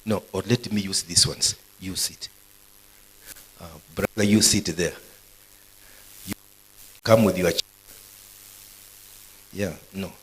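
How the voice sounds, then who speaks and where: A man's voice: deep voice, steady tone, slow pace, pauses often, fairly bright tone, slightly rough, rough recording. A man preaching a live sermon to university students, quizzing the audience with questions as he goes. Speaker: pastor. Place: university gathering.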